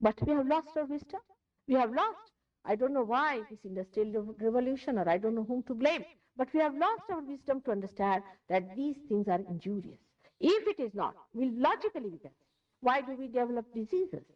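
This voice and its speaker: A woman's voice: on the high side, animated, a little fast. A woman with an Indian accent delivers a spiritual lecture, stressing her points by repeating them. She sounds set well back from the microphone. The old tape is muffled and lo-fi. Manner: emphatic, repeats phrases for stress. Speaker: spiritual teacher. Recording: distant, dull lo-fi 1981 lecture tape.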